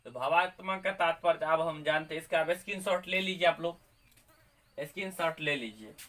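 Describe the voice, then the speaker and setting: A man teaching an exam-prep lesson, asking questions and answering them himself, repeating key terms slowly while he writes. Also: fairly high pitch, a bit bright. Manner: repetitive quizzing, asks and answers himself; spells out words while writing.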